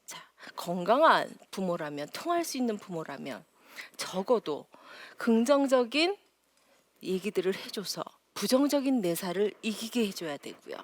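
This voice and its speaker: Animated woman lecturing on parenting. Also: moderate pace. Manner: animated, acts out quotes in high voices, laughs often; drops to a near whisper for emphasis. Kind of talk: lively lecture to a live audience.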